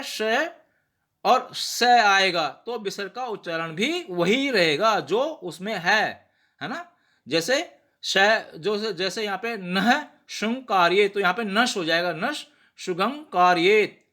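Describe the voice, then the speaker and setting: A man giving a patient pronunciation lesson, sounding out words slowly and checking in with rhetorical questions. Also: high-pitched, lively intonation, pushed and bright. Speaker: teacher of prayer pronunciation. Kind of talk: explanatory lesson.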